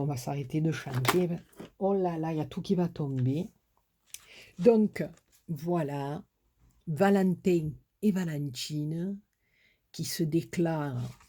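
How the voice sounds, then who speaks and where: A woman from the south of France talks slowly through a casual craft tutorial in a husky voice. She keeps up a running chatter with herself and laughs off her own slips as she works. Her tone is mellow and relaxed, with a southern French accent. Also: low-pitched. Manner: chatty, talks to herself and teases herself while working.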